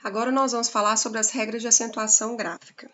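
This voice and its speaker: A Portuguese teacher with a Brazilian accent walks her class through a grammar lesson step by step. Her voice is a little high, steady and a bit bright, and she explains slowly, spelling out examples and checking in with frequent "né?"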